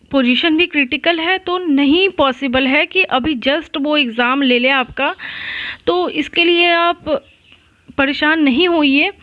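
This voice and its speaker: A woman's voice: high voice, no echo, dull audio. A woman educator talking casually and reassuringly to exam students, often restarting and correcting herself mid-sentence. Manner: reassuring, chatty, frequent restarts and self-corrections. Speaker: online exam-prep educator. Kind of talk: casual advice talk to students.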